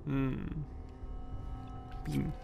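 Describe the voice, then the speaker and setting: A man's voice: medium pitch, level tone, extremely slow, creaky, music in the background. A man giving casual let's play commentary, muttering to himself and swearing now and then. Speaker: let's player.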